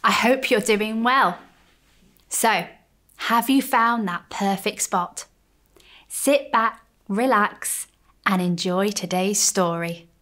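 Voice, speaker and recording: A woman, a church families coordinator, gently and expressively reading a children's story aloud. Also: mid-range voice, slow.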